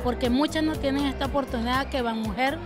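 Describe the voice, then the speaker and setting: A woman's voice: high voice, quick pace. A woman loan recipient speaking plainly and gratefully in an interview. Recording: music playing underneath.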